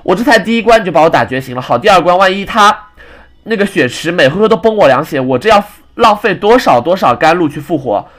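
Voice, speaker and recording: A young man recounts an annoying teammate from an online card game, griping and restarting his sentences as he goes. He talks quickly in a slightly high voice that swings up and down with feeling. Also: expressive, a bit bright. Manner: ranting, exasperated retelling with frequent restarts. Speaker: game commentator. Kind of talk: casual gameplay storytelling.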